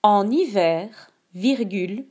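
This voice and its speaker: A woman teacher dictating a spelling exercise in a measured, deliberate way, repeating words and phrases for a pupil to write down. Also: medium pitch, lively intonation, darkish tone. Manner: instructional, addresses one pupil directly. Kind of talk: dictation lesson, scripted instructions.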